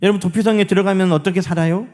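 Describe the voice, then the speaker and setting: A male pastor preaching a sermon in church. He asks the congregation questions and swings between loud emphasis and hushed, near-whispered lines. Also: high voice, steady tone, very fast. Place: church sanctuary.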